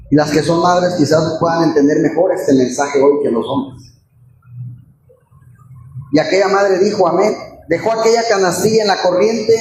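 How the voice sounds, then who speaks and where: A man preaching a sermon, telling a story with feeling and asking the congregation rhetorical questions. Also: on the high side. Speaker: pastor. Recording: very echoey church with faint room noise.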